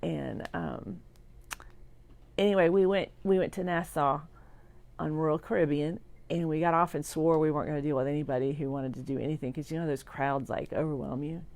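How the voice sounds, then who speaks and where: A middle-aged woman speaks from a hospital room, weak and drowsy after surgery. Her voice sits slightly low and has a lot of vocal fry. She talks in a halting, sincere ramble, as in a personal livestream, and sometimes trails off. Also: steady tone, a little mellow. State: weak and groggy after surgery, on pain medication. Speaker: vlogger sharing a personal update.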